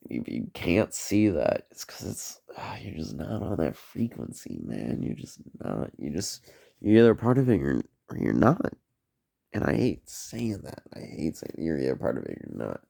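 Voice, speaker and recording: Man, gravelly voice, wildly swinging pitch, rambling profane vlog monologue. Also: sing-song, moderate pace, warm tone. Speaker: vlogger. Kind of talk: unscripted solo monologue.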